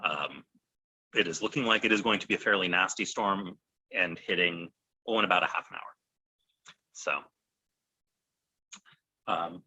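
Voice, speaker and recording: A man talking casually from home over a choppy video call connection that cuts in and out, speaking in a relaxed way with plenty of fillers. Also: low voice, a little slow, pauses often, slightly rough, low-quality recording. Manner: relaxed, hesitant, many fillers. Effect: choppy, cutting-out video call connection. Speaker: co-host of a business talk video. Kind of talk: casual chat.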